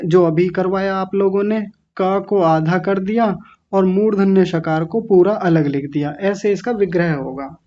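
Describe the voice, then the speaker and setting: A man teaching children pronunciation in a classroom, patient and gentle, repeating sounds slowly. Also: sits high. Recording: dull lo-fi classroom recording.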